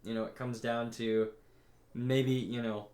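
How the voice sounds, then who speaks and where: In a roomy, echoing recording, a male podcast co-host chats casually about anime. His mid-range voice is a little mellow and barely moves in pitch, and he rambles, restarts often, swears occasionally and slips in quick impressions of characters' lines.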